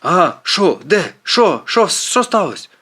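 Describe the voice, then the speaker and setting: A brash, boastful teenage boy who gets excited easily, as a man reads him in an audiobook. His voice is pushed up above a grown man's and jumps around a lot in pitch. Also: normal speed. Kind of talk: audiobook character voice.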